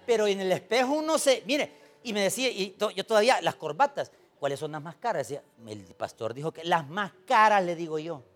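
A man preaching a sermon, telling stories and acting out the people in them, swinging from soft asides to loud points. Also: high-pitched, a little fast. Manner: animated storytelling, acting out quoted voices, swings from soft to loud. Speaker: pastor.

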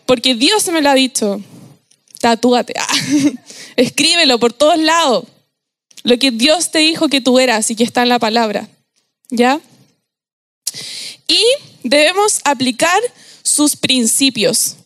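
A young woman with a Chilean accent giving a casual, slangy youth sermon, animated and laughing often. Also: high-pitched, measured pace, pauses often, dry recording, clean studio sound. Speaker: youth preacher.

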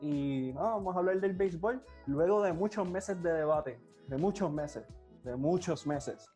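A man's voice: on the high side, moderate pace, darkish tone, faint music behind. A man with a Puerto Rican accent hosting a podcast with enthusiasm, presenting and moderating in an upbeat style.

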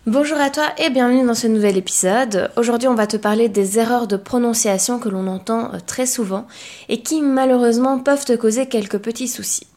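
A woman's voice: on the high side, fairly quick, darkish tone. A woman co-hosting a podcast for learning English, welcoming the listener and speaking to them directly and informally. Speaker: podcast co-host. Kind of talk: friendly podcast introduction.

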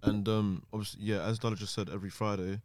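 A young man co-hosting a casual podcast as its engineer, low-key and soft-spoken. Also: little pitch movement, fast, no echo. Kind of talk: casual chat.

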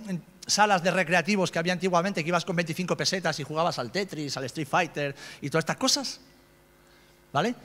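A middle-aged man from Spain preaching a sermon, swinging from loud, high-pitched outbursts to low, quiet storytelling. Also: big-room sound. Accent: Spain Spanish.

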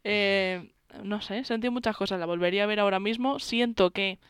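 A woman's voice: medium pitch, fairly quick, clear, resonant tone, dry recording, studio quality. Chatty woman with a Spanish accent. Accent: Spain Spanish. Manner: enthusiastic, chatty, laughs often. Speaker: film podcast co-host. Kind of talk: casual film review chat.

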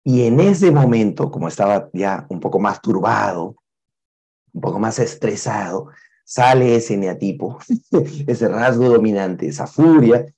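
A man's voice: on the low side, measured pace, husky. A man telling a personal story with life lessons, acting out the voices of the people in it. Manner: animated storyteller, acts out the voices of others.

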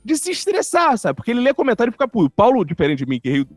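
A man telling stories in casual podcast chat, animated and foul-mouthed, acting out what people said. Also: extremely high pitch, racing, no room sound, clean studio sound, faint music behind. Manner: animated storyteller, swears freely, acts out quotes. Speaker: guest comedian.

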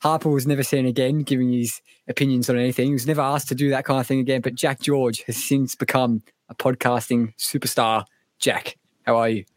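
Man hosting, medium-pitched voice. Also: flat delivery, fairly quick, no room sound. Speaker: podcast host. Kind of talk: casual live sports podcast presenting.

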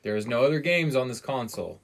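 A man's voice: medium pitch, expressive, fast, vocal fry. A man chatting casually with friends as a podcast co-host, rambling and swearing in mock argument. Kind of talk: casual banter among friends.

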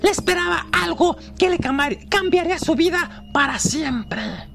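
A woman with a Mexican accent telling a horror story casually, with slang, jokes and dramatic pauses. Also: very high-pitched, lively intonation, creaky, fairly bright tone, soft background music.

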